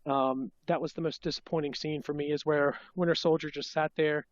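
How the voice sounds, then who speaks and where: A man chatting casually as a podcast host about films, halting and restarting, with a congested smoker's rasp from being under the weather. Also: on the high side, fairly even intonation, no echo. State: sick, coughing under-the-weather voice. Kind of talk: casual film fan chat. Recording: dull lo-fi, dry sound.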